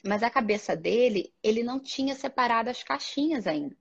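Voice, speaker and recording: A woman with a Brazilian Portuguese accent, an immigrant mother chatting casually and telling stories lively, acting out the dialogue. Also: a little high, fairly quick, gravelly, breathy edge, muffled recording. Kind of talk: casual chat.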